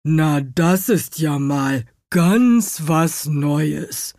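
A woman voicing a sleepy male stag beetle who grumbles slowly. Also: deep voice, lively intonation, mellow, no room sound, full character voice. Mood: grumbling. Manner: slow dry grumble.

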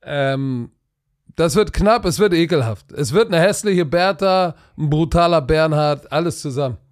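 Tired, animated man, dry sound. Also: a little high, measured pace, no room sound. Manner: animated, vivid trash talk. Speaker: podcast co-host. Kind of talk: casual sports chat.

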